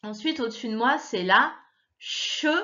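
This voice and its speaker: Lively, patient woman teaching a child. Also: lo-fi sound. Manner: patient, sounds out words slowly and repeats them; lively, pitch leaps up when stressing a point. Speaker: primary school teacher. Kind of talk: remote reading lesson for a young child.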